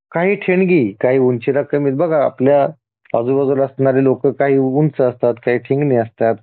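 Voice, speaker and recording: A man slowly explaining a devotional scripture, going through long lists of terms one by one and glossing them. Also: medium pitch, dry recording. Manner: slow listing cadence, explaining each term. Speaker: spiritual discourse speaker. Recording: tinny phone-like sound.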